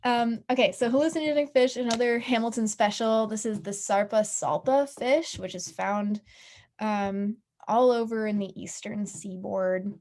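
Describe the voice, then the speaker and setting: A woman giving a casual university lecture, chatty and animated, with frequent fillers. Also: a little high, moderate pace.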